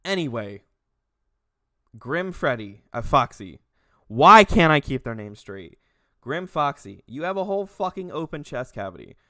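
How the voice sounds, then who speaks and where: In a casual comedy vlog, a young man with a mid-range, sharp, very animated voice rants at an unhurried pace, packed with swearing and laughter. He's a video creator, recorded in clean studio sound with no echo.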